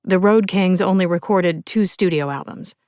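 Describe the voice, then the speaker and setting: Calm young rocker, as a woman voices him. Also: on the low side, moderate pace, no echo, studio quality, lightly acted. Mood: earnest. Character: young man, laid-back rock musician. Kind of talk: audiobook character voice.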